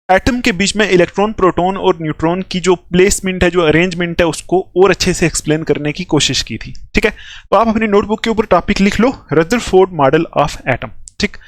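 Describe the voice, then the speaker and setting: Young guy teaching chemistry, high voice, keeps checking the class is following, dry close sound. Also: dry recording. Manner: explains step by step, checks in with "theek hai" after nearly every phrase. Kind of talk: classroom lecture at a whiteboard.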